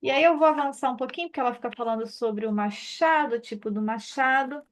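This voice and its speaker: Uma mulher com sotaque brasileiro, terapeuta, comentando um livro num tom de conversa, com muitas hesitações e recomeços. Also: female voice, high-pitched, quick pace. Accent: Brazilian Portuguese. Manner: hesitant, many fillers and restarts. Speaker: therapist reading and commenting on a book. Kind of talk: informal spoken commentary on a book chapter.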